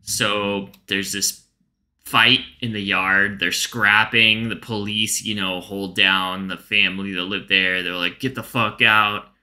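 A man telling a comedic story in a casual, rambling way, full of fillers and swearing, delivered deadpan. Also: sits low, slow.

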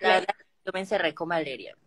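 A young woman with a somewhat low voice joins a casual livestream chat. She throws in quick jokes and short remarks. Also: fairly bright tone, a little hiss or hum.

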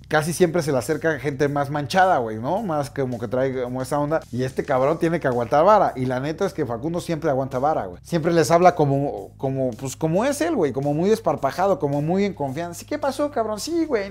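A man's voice: fairly high pitch, darkish tone. A man with a Mexican accent telling casual anecdotes as a comedian vlogger, slangy and playful, acting out the people he talks about. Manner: slang-heavy, playful, acts out other people mid-story. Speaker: comedian and YouTuber.

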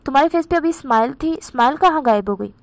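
Woman doing a teasing young man, protective, gently questioning, slightly high voice. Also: animated, fast talker, no room sound. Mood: gentle.

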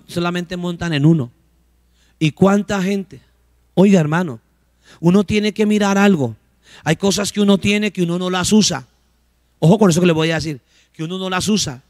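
A man preaching from the pulpit, in a voice that sits somewhat high for a man. He keeps asking the congregation questions and answering them himself, and he acts out short exchanges between characters. The sound is dry and close, with no room echo. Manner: preaches with call-and-response questions, acting out little dialogues. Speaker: pastor. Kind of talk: sermon.

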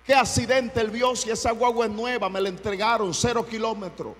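High-voiced fervent preacher. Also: male voice, fairly even intonation, fairly quick, in a large hall. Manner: fervent preaching, bursts into shouting, repeats phrases. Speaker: pastor. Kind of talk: sermon.

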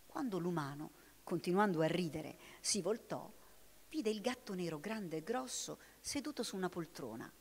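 A woman with an Italian accent reading a story aloud in an expressive way, recorded in a hall with long reverb. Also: fairly low pitch, moderate pace, breathy edge. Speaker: reader.

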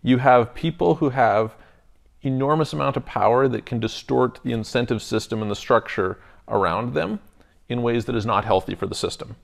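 A man in his thirties co-hosts a relaxed podcast debate, working through his argument step by step and restarting his sentences often. His voice has a gravelly rasp at mid pitch. He is recorded on a lapel mic in a lounge studio set. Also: moderate pace. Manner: thoughtful, restarts often, argues in steps. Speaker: podcast co-host. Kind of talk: casual debate chat.

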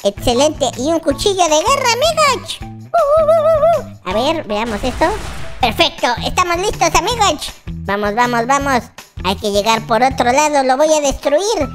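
A gaming channel host voices a baby boy game character who is excitable and boastful yet kind, using a squeaky childlike voice at normal speed. Eager and confident, he exclaims and repeats words in roleplay commentary over children's music.

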